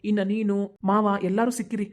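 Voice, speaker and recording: This is cartoon voice acting by a woman with a North Karnataka Kannada accent, playing an earnest, determined young man who is a devoted son and brother. She talks fast, pleading and resolute, in a natural mid-range voice with little pitch movement.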